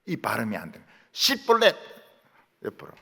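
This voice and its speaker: A man's voice: mid-range voice, wildly swooping pitch, normal speed, vocal fry, a bit bright, breathy edge. A middle-aged man from the Gyeongsang region with a Gyeongsang accent, preaching a sermon and telling stories while mimicking dialect words. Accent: Gyeongsang Korean. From Gyeongsang region, Korea. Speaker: pastor. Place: large church sanctuary. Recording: long hall reverb.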